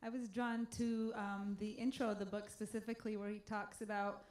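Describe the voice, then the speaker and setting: A woman's voice: mid-range voice, flat delivery, moderate pace. A woman musician introducing her song in thoughtful, casual stage talk with frequent fillers, into a stage microphone at a live music event. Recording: echoey live room with loud music.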